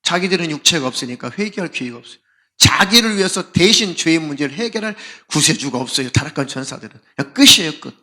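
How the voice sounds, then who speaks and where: Brief: emphatic man preaching, bright forceful voice, a bit high. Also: lively intonation, fast talker. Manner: emphatic, acts out dialogue. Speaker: pastor. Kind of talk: sermon.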